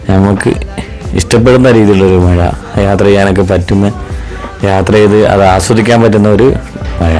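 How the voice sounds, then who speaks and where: Over background music, a man from Wayanad in Kerala, India, narrates his travel vlog in a low, slightly mellow voice. He has a Kerala Malayali accent and talks casually and enthusiastically, mixing in English words.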